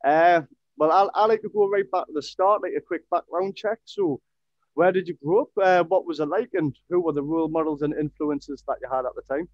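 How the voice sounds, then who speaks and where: A man's voice: on the high side, brisk, no room sound, muffled recording. A young man hosting a casual podcast interview over a video call, chatty and upbeat. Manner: chatty, upbeat, says "brilliant" often. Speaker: podcast host. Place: home room with fight posters. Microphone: headset.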